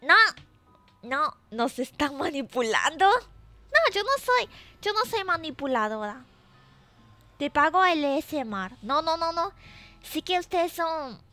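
A woman's voice: high-pitched, very animated, slow, sharp tone, no echo. A woman streaming as a VTuber, chatting casually and playfully, teasing her chat and reading messages aloud.

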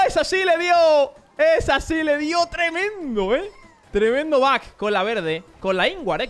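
A young man commentating his own kart race, joking and swinging mumbled asides to loud yelps. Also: sits high. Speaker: gaming streamer. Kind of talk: excited live gameplay commentary.

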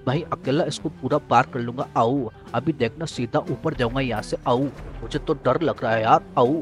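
A man's voice: medium pitch, normal speed, faint music behind. A man playfully commenting on his game stunts, bragging and making silly exclamations. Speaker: gaming video creator.

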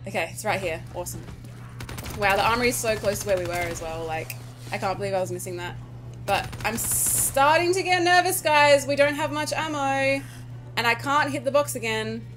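A woman's voice: a little high, fairly quick, fairly bright tone, a little hiss or hum. A woman giving casual commentary over her own gameplay, nervous, swearing and pleading with the game. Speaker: gaming YouTuber.

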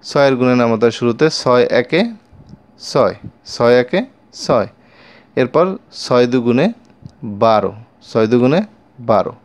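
Bengali-accented male math teacher, patient times-table recitation for young kids, each line said twice. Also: mid-range voice. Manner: slow, repeats each multiplication line twice; addresses pupils directly with questions.

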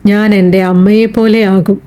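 A quiet, self-reliant blind weaver, as a woman reader puts her on. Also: medium pitch, level tone, normal speed, lightly acted. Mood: quiet plain. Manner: short plain replies.

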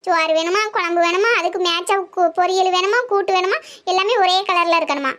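A woman voicing a melodramatic middle-aged village housewife in a cartoon comedy, theatrical and sharp-tongued. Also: a little fast. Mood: complaining. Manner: shrill, theatrical wailing and complaining.

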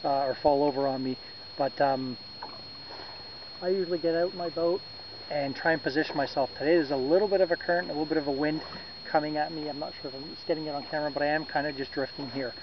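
A man in his thirties hosting a fishing vlog from a boat on a lake, explaining in a relaxed, casual way to a camera on a tripod. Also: fairly high pitch, fast talker. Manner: relaxed, explanatory, gestures while talking, some fillers and self-corrections. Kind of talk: casual how-to talk to camera. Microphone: camera on a tripod a few meters away. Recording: dull lo-fi camera audio with wind noise.

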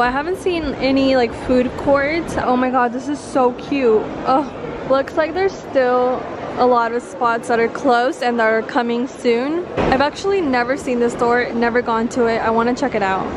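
Holding a compact camera at arm's length, a chatty young woman with a high-sitting voice vlogs casually from a shopping mall and an outdoor street. She comes across as upbeat and easily delighted, and the recording picks up noisy mall and street sounds.

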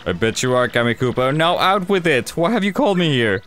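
A bullying monster king from a video game , given voice by a man, barking orders and losing his temper at every turn. His voice lurches up and down in pitch and lands in an ordinary middle range. Faint game music plays behind him. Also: big pitch swings, fairly quick, fairly bright tone. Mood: impatient. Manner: bossy, impatient, insulting. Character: blustering brutish male Koopa king villain. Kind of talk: voicing game dialogue.

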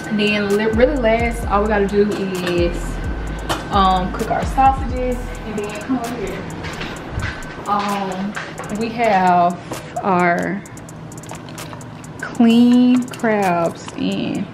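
A woman's voice: mid-range voice, takes it slowly. A young woman, chatting casually to viewers while she cooks in her home kitchen. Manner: chatty, loose and informal, talks straight to viewers. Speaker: vlogger. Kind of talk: casual cooking vlog. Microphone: camera mic, filmed by a helper. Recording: background music under the voice.

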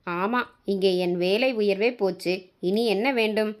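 A bitter office worker woman snaps out sharp, resentful retorts, as a woman reading a storybook puts her on. Her voice sits at a middle pitch. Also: fairly even intonation, unhurried, lightly acted.

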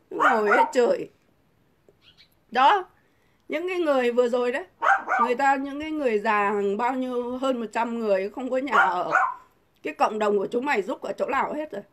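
Middle-aged woman vlogger, fairly high voice, combative and scornful, hurls rhetorical questions. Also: noisy background. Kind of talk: angry political rant to camera.

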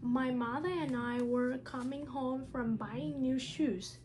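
A high-pitched woman's voice carries a teacher-style reading of a children's storybook, in careful, halting non-native English. Noise fills the background.

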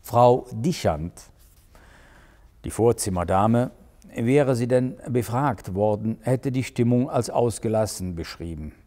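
A male crime author reading aloud from his own novel in a lively, expressive way. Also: medium pitch, takes it slowly, in a large hall.

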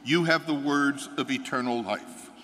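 Older man, American priest, earnest homily, mid-pitched voice, reverberant church. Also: a bit bright. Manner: earnest, measured, building to firm conviction. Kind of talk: reading the gospel and preaching a homily. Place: large church sanctuary, seated before an altar. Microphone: fixed microphone at the altar.

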